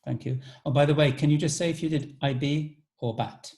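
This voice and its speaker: A man's voice: a little high, fairly even intonation, fairly quick, darkish tone. A man hosting an alumni talk over a video call, casually inviting each former student to introduce themselves.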